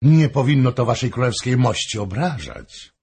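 Man voicing a flattering noblewoman, ingratiating, husky voice, animated. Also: mid-range voice, moderate pace, pitched above the performer's own voice. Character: scheming older noblewoman, flattering and sly.

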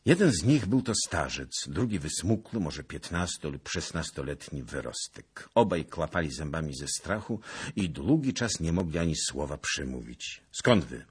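A man narrating an audiobook in a dramatic, expressive reading style. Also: very deep voice, normal speed, slightly rough. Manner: expressive, swelling with the action.

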